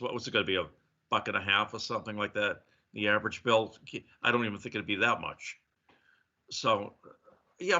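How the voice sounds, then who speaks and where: A man's voice comes through a group voice call, with a low-pitched, sharply bright tone. The audio is dull and lo-fi. He talks in a halting way and often restarts his sentences. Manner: halting, repeats words when starting. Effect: heard over a group voice call. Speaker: committee member. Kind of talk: casual meeting discussion.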